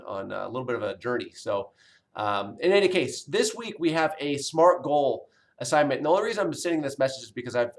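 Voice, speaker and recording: A college health instructor in his forties, speaking at a medium pitch, records a casual video message for his online students. He rambles, with plenty of fillers and restarts.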